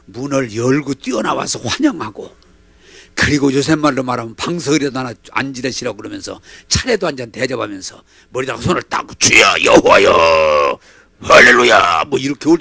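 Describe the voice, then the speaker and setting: A man's voice: medium pitch, brisk, vocal fry, breathy edge, no echo. A male pastor preaching a sermon dramatically and having the congregation repeat his lines. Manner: animated, dramatic, leads call-and-response. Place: church.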